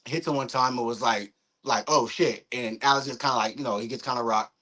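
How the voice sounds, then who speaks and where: A young man, a guest in a casual interview, telling a story in a lively, profane way, acting out what people said. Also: mid-range voice, quick pace, poor audio. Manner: animated, profane storytelling with acted-out quotes.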